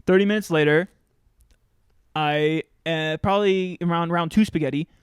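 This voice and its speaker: Easygoing young man, higher smooth voice. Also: dry recording, studio quality. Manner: easygoing, agreeable, quick to laugh. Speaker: podcast guest. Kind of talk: casual chat.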